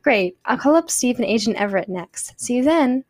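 A woman voicing a cheery, friendly female team member in a storybook-style reading, pitching up a little for her. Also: expressive, moderate pace, darkish tone, no echo, studio quality. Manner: eager, friendly.

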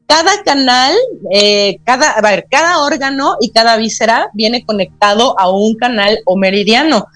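A woman with a Mexican Spanish accent, an acupuncturist who is a guest on a radio talk show, explaining in an earnest, gently spiritual way. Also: a little high, no room sound. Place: radio studio.

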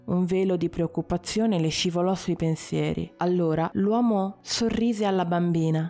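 A woman narrating a story in a measured way, with short dramatic pauses. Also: on the low side, dark tone.

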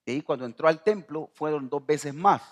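Salvadoran man, middle-aged pastor, fervent sermon, climbs into near-shouts, fairly high voice. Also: fairly quick. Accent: Salvadoran Spanish. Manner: impassioned preaching, rising to near-shouting, calls to the congregation.

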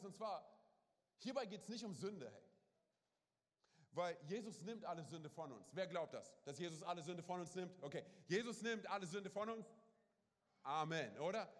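A man preaching with a slightly high voice, full of energy and quick asides to the congregation. His voice rings out through a church hall with a long reverb trailing off every phrase. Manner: lively, punctuates with "hey", "come on" and "oder?"; acts out little quoted scenes. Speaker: pastor. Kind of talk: sermon. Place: church service.

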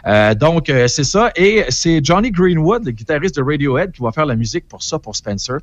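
A man's voice: a little high, big pitch swings, moderate pace, no room sound, highs cut off. A man with a Québécois French accent, giving an opinionated, rambling entertainment column in casual radio chat.

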